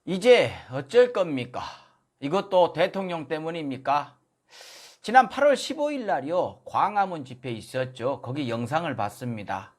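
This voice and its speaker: A man's voice: a little high, sing-song, moderate pace. A man giving a political commentary monologue, full of sarcastic, mocking rhetorical questions.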